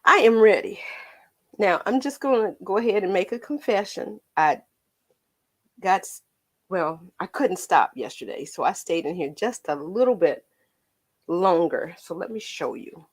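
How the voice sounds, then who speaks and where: A woman's voice: fairly low pitch, animated, unhurried, darkish tone, husky. An American woman with a tinny, slightly metallic voice chats casually on a painting livestream, rambling playfully to her viewers as host and art teacher.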